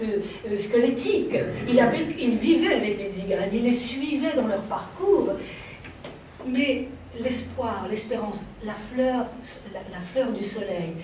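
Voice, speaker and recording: A fairly high-pitched woman lectures on art over slides, wandering through her points and pausing to find the right word. She sounds far from the microphone, in a heavily echoing room with a faint hiss. The delivery is that of an invited art historian. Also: warm tone. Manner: digressive, searching for words.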